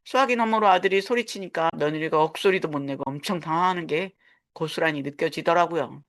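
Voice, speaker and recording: A woman in her sixties narrating a first-person story in a calm, matter-of-fact way. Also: low voice, a little fast. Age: 60s.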